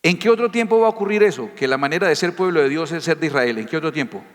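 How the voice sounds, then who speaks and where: A man's voice: on the high side, animated, very fast. A man preaching a sermon as a pastor, emphatic and firing rhetorical questions at his listeners. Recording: reverberant hall.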